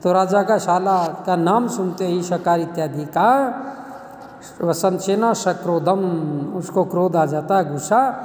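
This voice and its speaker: A man teaching a classical play, reading each line and then explaining it plainly, sometimes chanting verse in a slow sing-song. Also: high-pitched, darkish tone. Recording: echoey room with long reverb.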